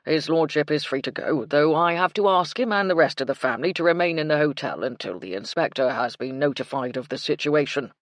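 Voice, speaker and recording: A woman's voice: deep voice, animated, fairly quick, hardly any pauses, dry recording. A woman narrator voicing a pompous, officious male village constable in an audiobook.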